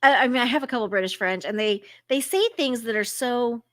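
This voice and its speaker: A woman co-hosting a podcast, telling stories in an animated, chatty way and swearing freely. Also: fairly high pitch, brisk, no room sound, studio quality. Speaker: podcast co-host. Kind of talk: casual chat.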